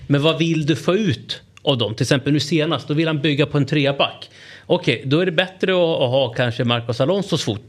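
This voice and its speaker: Animated man arguing football tactics. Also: on the high side. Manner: animated, repeats words when fired up, swears. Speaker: football pundit. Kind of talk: casual podcast chat.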